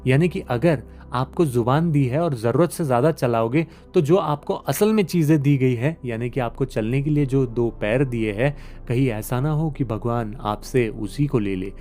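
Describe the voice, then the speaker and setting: A man's voice: mid-range voice, moderate pace, hardly any pauses, mellow, soft background music. A man telling a devotional moral story in an earnest, moralizing manner.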